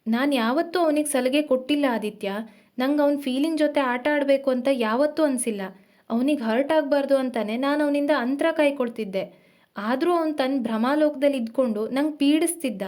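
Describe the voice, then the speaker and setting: A woman's voice: high-pitched, brisk, a little mellow, lightly acted. A woman voicing a young woman who hurriedly confesses a painful secret to her partner, strained and pleading. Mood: tense.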